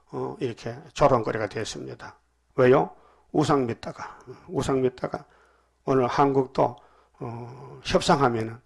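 A man preaching a sermon, with sudden emphatic bursts between calmer stretches and frequent pauses to fill. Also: mid-range voice, gravelly, breathy edge. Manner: preaches with rising emphatic bursts and many "어" fillers. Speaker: pastor.

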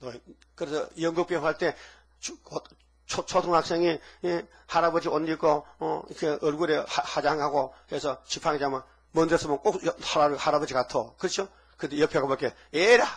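A man with a husky voice preaching a sermon emphatically, firing off rhetorical questions at the congregation. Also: on the high side, steady tone, a little fast. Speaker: pastor.

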